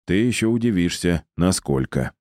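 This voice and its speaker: A man's voice: low-pitched, normal speed, mellow, no room sound, studio quality, lightly acted. A man reading an audiobook voices a young male wizard, wry and offhand.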